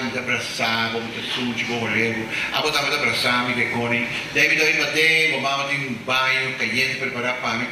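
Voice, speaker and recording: A man doing stand-up comedy storytelling, animated, jumping into high squeaky voices for the people in his stories. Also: noisy background. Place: live stage with audience. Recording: echoey distant live room recording. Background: audience laughter.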